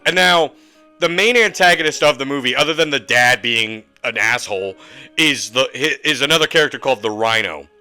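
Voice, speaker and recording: Dude rambling thru a movie rant, super bright smooth voice, lotta "like" and "you know". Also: male voice, medium pitch, expressive, a little fast, soft background music. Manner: rambling, filler-heavy, frank. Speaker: host. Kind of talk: casual movie review rant.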